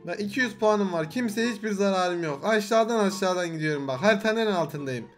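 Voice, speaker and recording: A young man giving excitable let's-play commentary as a gaming YouTuber, swinging from loud shouts to low muttering. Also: fairly quick, soft background music.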